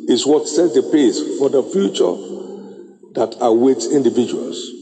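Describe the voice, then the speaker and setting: A middle-aged man preaching a sermon on a handheld mic in a large church auditorium, slow and emphatic with drawn-out phrases and sudden high exclamations. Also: warm tone. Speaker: bishop preaching. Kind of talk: sermon exhortation. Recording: echoey hall reverb.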